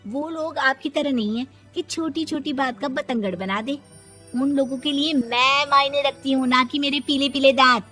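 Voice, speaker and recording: A woman voicing a carefree, devout young daughter-in-law in an animated moral story, sassy and unbothered by criticism. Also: high-pitched, normal speed, soft background music. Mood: defensive. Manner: bright, sassy, brushing off criticism.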